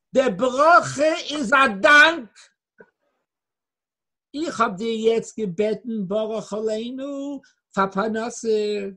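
A Torah teacher delivers a religious lecture that includes Hebrew quotations and chanted blessings. His volume swings between quiet murmurs and loud, emphatic bursts.

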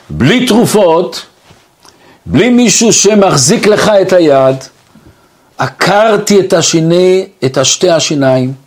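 A man telling a story aloud, acting out the voices of the people in it and moving between hushed and raised tones. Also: on the high side. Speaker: storyteller retelling a survivor's account. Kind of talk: spoken storytelling.

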